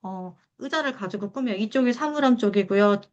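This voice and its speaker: A woman's voice: medium pitch, fairly quick. Woman lecturing on role-play counseling, dull recording. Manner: explains step by step, acting out short quoted exchanges. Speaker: lecturer on drama therapy counseling. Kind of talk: public lecture.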